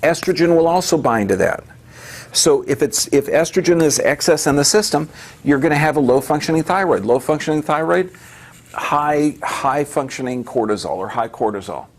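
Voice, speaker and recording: A man's voice: on the high side, lively intonation, moderate pace. A man giving an emphatic health lecture to a live audience, firing off rhetorical questions and answering them himself.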